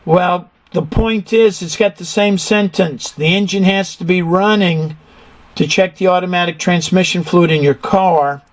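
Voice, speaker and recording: A man's voice: high-pitched, steady tone, measured pace. A man instructs a learner hands-on, explaining machinery methodically and checking understanding with questions. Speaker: instructor giving an engine room tour.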